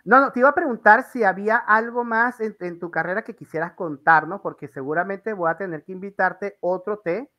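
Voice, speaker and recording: Chatty Venezuelan man, bright voice. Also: high voice, brisk, hardly any pauses. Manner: chatty, rambling storyteller with many fillers. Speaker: interview host. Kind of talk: casual conversational interview.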